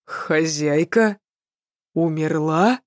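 A woman voicing a sly young male apprentice in an audiobook, speaking in a slow, measured, guarded way. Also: deep voice, darkish tone, dry recording, clean studio sound. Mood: wary.

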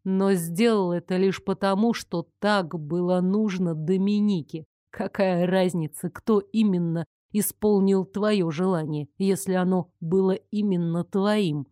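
A woman's voice: lowish voice, steady tone, a little slow, hardly any pauses, warm tone, dry recording, clean studio sound, close to an everyday voice. A woman reading the part of a firm, slyly mocking young man in an audiobook.

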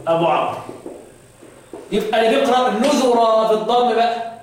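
A man's voice: extremely high pitch, brisk. A man with an Egyptian accent teaching Quran recitation, quizzing his students and chanting verses between questions. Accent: Egyptian Arabic. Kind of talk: classroom lesson with call-and-response. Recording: echoey room, distant mic.

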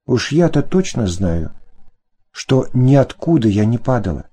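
A man's voice: medium pitch, very animated, unhurried, warm tone, slightly rough. A man voicing a young woman heroine who speaks curtly and bitterly in an audiobook. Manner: curt, spoken through teeth.

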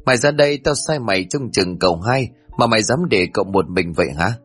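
A man voicing a hot-tempered old male village official who shouts and scolds. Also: fairly low pitch, expressive, quick pace, husky, faint music behind. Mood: angry scolding.

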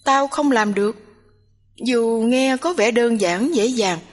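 A weary, reluctant young woman who answers in short, tired phrases in a storybook reading, as a woman narrator puts her on. The voice is fairly high and sits in a long, trailing reverb. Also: takes it slowly. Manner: tired, curt, sighing.

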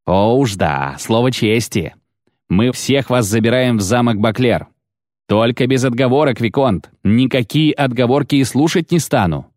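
A boisterous, pompous baron knight, as a male reader puts him on, full of bluster. His voice leaps about in pitch, dry and close to the mic. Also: expressive, normal speed, a little mellow, no room sound, natural voice. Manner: boisterous, repeats a pet oath.

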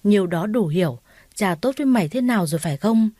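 A woman's voice: mid-range voice, lively intonation, quick pace, mellow, dry recording, close to an everyday voice. A woman voicing a bitter, tearful elder sister-in-law who scolds coldly. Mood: scolding.

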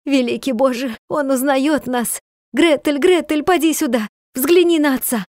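A woman voicing an overjoyed, tearful peasant wife and mother, with high, excited exclamations. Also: normal speed, dry recording, studio quality, natural voice.

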